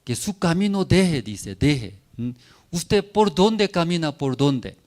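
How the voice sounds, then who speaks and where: A man's voice: a little high, lively intonation, takes it slowly, a little mellow. A man preaching a sermon in a church, in simple broken phrases, constantly checking in with his listeners through short tag questions.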